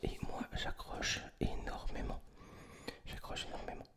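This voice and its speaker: A person speaking entirely in a breathy whisper, close to the mic, presenting books in a casual, informal ASMR style. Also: a little slow, a bit bright. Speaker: ASMR video host. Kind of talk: whispered ASMR book review, casual chat.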